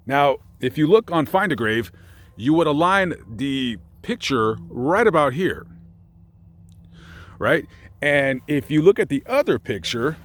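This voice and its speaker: A man chatting casually while visiting a cemetery, meandering with lots of fillers and self-corrections. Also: mid-range voice. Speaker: vlogger visiting famous graves. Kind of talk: casual rambling commentary. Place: outdoors at a cemetery.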